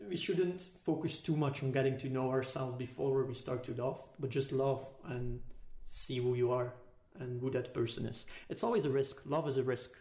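An echoey, roomy recording captures a podcast guest musing in casual, reflective conversation. His mellow, mid-range voice runs at normal speed with hardly any pauses, and his manner is tentative and philosophical as he hunts for words.

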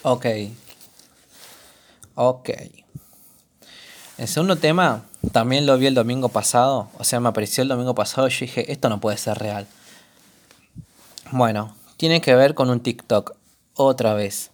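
A man's voice: mid-range voice, unhurried, pauses often. Young Rioplatense man, solo podcast host, casual, swears offhand, middle-range voice. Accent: Rioplatense Spanish. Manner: chatty, rambling, swears casually.

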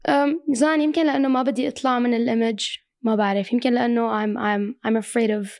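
Singer guest, female, Levantine Arabic accent, gravelly fry, very dry sound, conversational, mixing in English. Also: fairly high pitch, fairly even intonation, fast talker, darkish tone, no echo. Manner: mixes English phrases into Arabic. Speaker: singer and composer being interviewed. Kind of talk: casual conversational interview.

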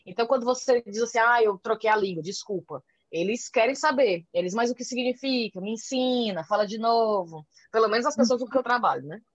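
A woman's voice: on the high side, a little fast, hardly any pauses. A Brazilian woman with a Brazilian Portuguese accent chats casually and tells stories, playing out the back-and-forth of conversations herself. The sound is dull and lo-fi, and the voice is close and dry, with no room echo. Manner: lively storyteller who acts out dialogues. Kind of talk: casual chat.

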